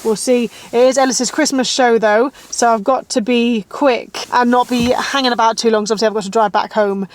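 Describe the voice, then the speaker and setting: A woman's voice: on the high side, fairly even intonation, brisk, hardly any pauses. A woman, a mum of two, rambling through her day in a casual vlog with lots of "like". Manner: rambling, chatty, fillers of "like". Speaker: vlogger mum.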